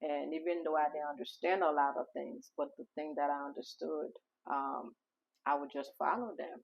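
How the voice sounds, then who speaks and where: Woman from Haiti, guest author, gravelly husky voice, dull lo-fi sound. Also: sits low, flat delivery, normal speed. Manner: reflective, storytelling with frequent fillers. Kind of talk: casual interview conversation. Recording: dull lo-fi recording.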